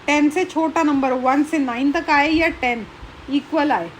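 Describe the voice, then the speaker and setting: A woman's voice: sits high, measured pace, a little hiss or hum, low-quality recording. A woman teaching a school math lesson, explaining patiently, checking in often and counting items aloud one by one.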